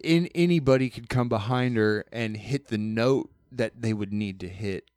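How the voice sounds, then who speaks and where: A man hosting a casual podcast chat, earnest and often halting as he searches for his words. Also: lowish voice, a little mellow, clean tone, no room sound. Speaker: podcast host.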